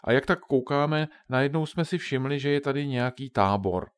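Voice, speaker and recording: A man voicing a clever young girl in a children's audiobook, explaining things in a quick, hushed, matter-of-fact way. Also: medium pitch, animated, clear, resonant tone, no room sound, pitched above the performer's own voice, natural voice. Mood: hushed, sensible. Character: clever, bossy young girl, a whispering schoolgirl.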